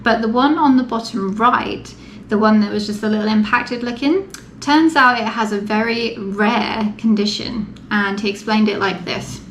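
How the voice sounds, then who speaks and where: A woman's voice: a little high, moderate pace, fairly bright tone. Woman vlogging casually in an echoey room. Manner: matter-of-fact, informal. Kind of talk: casual explanatory vlog to camera. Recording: echoey room with faint background noise.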